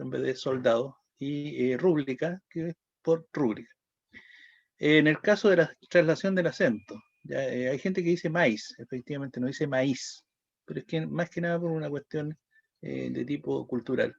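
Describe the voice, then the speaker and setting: A man's voice: medium pitch, vocal fry, darkish tone, no room sound, muffled recording. A man with a Chilean accent giving a school lesson, explaining step by step and checking in with "¿ya?" and hesitant "eh" sounds. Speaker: teacher. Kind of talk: lecturing a class.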